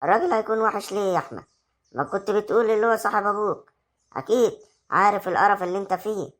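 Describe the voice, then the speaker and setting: A woman as a young Egyptian village wife, talking fast and coaxing her husband along. Her voice sits at a mid pitch, persuasive and a little scheming, in a homemade web drama. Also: natural voice. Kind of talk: amateur rural family drama acting.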